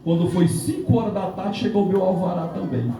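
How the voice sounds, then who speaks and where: A man's voice: high-pitched, lively intonation, a little fast, gravelly, warm tone. Fervent man testifying. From Northeast Brazil. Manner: fervent storytelling, acting out dialogue, rising to exclamations. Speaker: police officer giving testimony. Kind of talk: church testimony. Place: church hall. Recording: echoey hall mic from far off with congregation.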